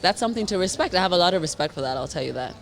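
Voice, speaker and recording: Podcast guest: woman, deep magnetic low register, talks quickly in relaxed conversation. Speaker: podcast guest, singer and presenter. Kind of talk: casual podcast chat.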